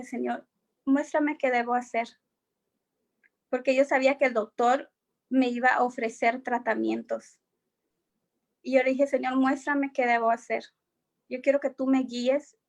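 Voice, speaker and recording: A woman's voice: on the high side, gravelly. A woman giving an earnest personal faith testimony, acting out the dialogue of her story. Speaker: guest sharing testimony.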